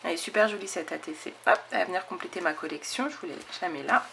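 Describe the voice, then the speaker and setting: Woman, gravelly fry, enthusiastic and chatty, faint background hiss. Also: fairly low pitch, animated, racing, a bit bright. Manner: enthusiastic, chatty, lots of fillers and "hop". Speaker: scrapbooking channel host. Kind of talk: casual show-and-tell of craft mail.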